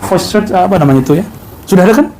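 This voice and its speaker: A man's voice: high voice, animated, very fast, a little mellow, slight background noise, low-quality recording. A man giving a religious lecture to a live audience, mixing jokes with recited Arabic verses. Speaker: religious teacher.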